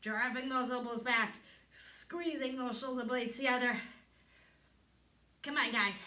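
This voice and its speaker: High-pitched woman aerobics instructor, echoey and distant. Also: measured pace, sharp tone. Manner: motivating, commanding, calling out counts and encouragement. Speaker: fitness instructor. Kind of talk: aerobics instructor leading a live workout with counts and cues. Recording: echoey room, distant mic, noisy background.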